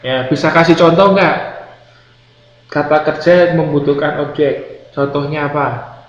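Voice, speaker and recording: In a roomy classroom recorded with dull lo-fi sound and faint noise, an Indonesian man gives an English grammar lecture. His voice is a little high, his intonation fairly even and his pace measured as he patiently explains, repeats key words and quizzes his students.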